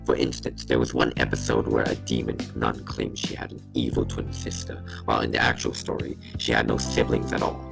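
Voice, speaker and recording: A man talking through a voice changer that disguises his voice as very deep, giving blunt, critical commentary in a deadpan way. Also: fairly quick, creaky, few pauses. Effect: voice changer making a very deep disguised voice. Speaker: YouTube commentator. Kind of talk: opinionated commentary narration. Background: background music.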